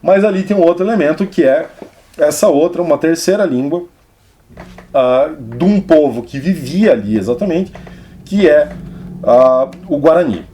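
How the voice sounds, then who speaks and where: A man casually talking about a novel to camera as a book reviewer, meandering and restarting sentences with drawn-out fillers. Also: fairly high pitch, lively intonation, warm tone. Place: indoor studio set with camera crew.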